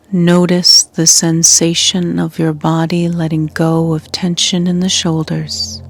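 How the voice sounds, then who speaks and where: As a yoga nidra guide, this woman leads a meditation in a soothing hush, her soft breathiness approaching a whisper and her pauses long. Her voice is on the low side.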